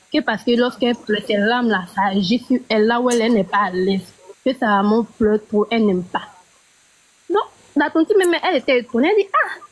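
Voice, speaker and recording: A woman's voice: a little high, rough recording. A woman calling in by phone, telling a story hesitantly and restarting her phrases. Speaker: caller.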